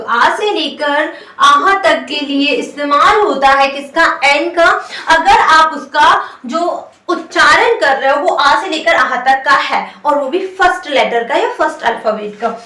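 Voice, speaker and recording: High, bright woman teaching in an echoey room. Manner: explains patiently, asks and answers her own questions; says "theek hai" after each point. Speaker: English teacher. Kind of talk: whiteboard grammar lesson. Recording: roomy echo from a distant mic.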